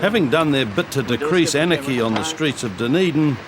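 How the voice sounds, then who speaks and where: A man's voice: medium pitch, expressive, a little fast, heavy background noise. A man reading a wry scripted documentary narration.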